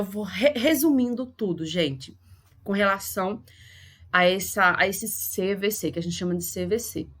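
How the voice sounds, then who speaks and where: A woman English teacher, a Portuguese speaker, explaining a grammar lesson patiently and going over each point again. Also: on the low side. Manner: patient, repeats and spells out points.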